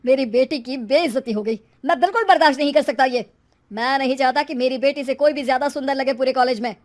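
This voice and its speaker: A woman's voice: high voice, fast, close to an everyday voice. A woman voicing an angry, scornful middle-aged husband and father in a moral story, scolding harshly. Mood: indignant, scornful.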